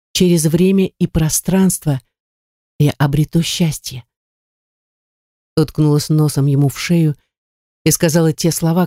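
A woman narrating an audiobook in the first person, with expressive storytelling. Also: deep voice, no room sound, clean studio sound. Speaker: audiobook reader. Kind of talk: scripted narration.

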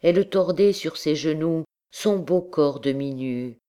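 A woman narrates a classic novel with a low, mellow voice. She reads slowly and with measured expression, as in an audiobook. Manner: slow, measured, expressive reading. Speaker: audiobook reader. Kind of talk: scripted narration.

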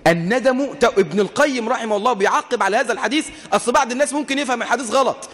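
Brief: impassioned Egyptian preacher, man, very high voice, long echo of a hall. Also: racing. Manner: impassioned, rising to shouts, rhetorical questions. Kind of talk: sermon.

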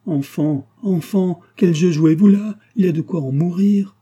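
A man's voice: high voice, a little slow, mellow, slightly rough, voice pushed up. A man doing an anxious old nursemaid. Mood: fretful. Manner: fretful and doting, crying out in alarm. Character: devoted old peasant nursemaid, anxious and tender. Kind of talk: audiobook reading.

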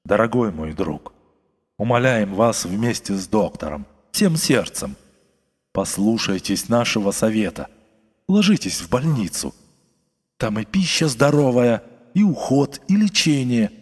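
A man voicing a kindly, sentimental older postmaster who pleads softly in a half-whisper. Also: lowish voice, big pitch swings, measured pace, breathy edge, full character voice. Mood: pleading. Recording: long reverb, faint music.

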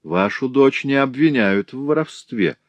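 A man's voice: medium pitch, animated, measured pace, no room sound, lo-fi sound, pitched above the performer's own voice, natural voice. A man voicing a formal, grave police commissioner in an audiobook reading. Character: sober, moved police commissioner. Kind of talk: audiobook character voice.

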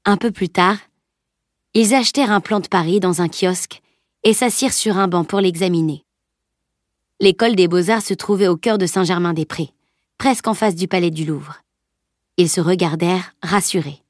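A woman narrating a novel as an audiobook, in an even, steady reading. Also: fairly low pitch, normal speed, no echo, clean studio sound. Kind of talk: scripted narration.

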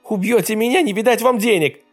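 A man's voice: high voice, very animated, brisk, faint music behind, pitched above the performer's own voice, full character voice. A man voicing a frightened young man caught in a woman's disguise, pleading shrilly and squealing. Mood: shrill pleading.

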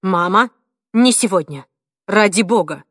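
A woman's voice: mid-range voice, unhurried, a bit bright, no room sound, studio quality. A woman reading an audiobook, voicing an exasperated middle-aged son who pleads firmly with his mother. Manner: firm, pleading, strained.

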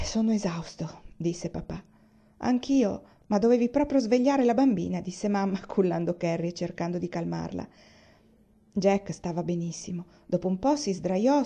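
A woman reads a children's novel aloud, measured and expressive, with a mellow, dark-leaning tone. The recording is a bit dull and lo-fi. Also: mid-range voice. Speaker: audiobook reader.

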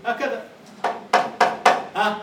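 A man's voice: slow pace, very noisy. A man with an Egyptian accent giving a university lecture on Arabic prosody, quizzing his students and repeating their answers. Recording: echoey lecture hall, far from the mic.

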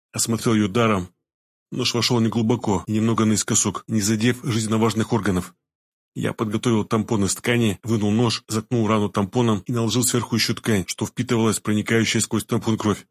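A man narrating a first-person story as an audiobook reading, steady and dramatic. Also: lowish voice.

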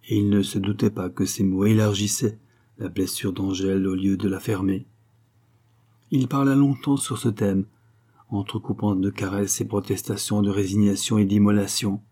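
Low, husky male audiobook narrator. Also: fairly even intonation, normal speed, warm tone. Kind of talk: literary narration.

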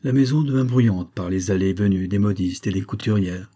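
A man reading a novel aloud as an audiobook narrator, in a steady, measured way. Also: lowish voice.

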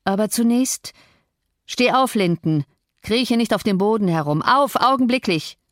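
A woman's voice: mid-range voice, expressive, a little slow, dry recording, close to an everyday voice. A brooding, cruel landowner who taunts and commands with icy sarcasm, voiced by a woman reading an audiobook. His lines come across cold and threatening. The recording is dry and close, with no room sound. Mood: commanding.

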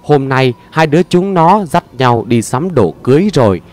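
A man's voice: medium pitch, big pitch swings, moderate pace, a little mellow, close to an everyday voice. A man voicing a cold, dismissive middle-aged mother who speaks curtly in an audio story. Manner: curt, coolly mocking.

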